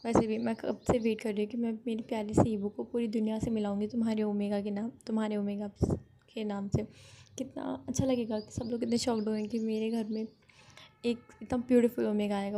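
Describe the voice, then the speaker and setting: A woman's voice: on the high side, little pitch movement, fairly quick, background noise, natural voice. A woman voicing a cheerful, doting middle-aged mother in a retold fan story, chattering eagerly.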